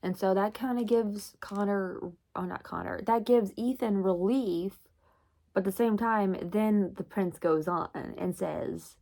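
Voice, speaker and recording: A woman's voice: medium pitch, vocal fry, warm tone. A woman vlogger casually recapping a novel, chatty with many fillers and some swearing. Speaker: book vlogger.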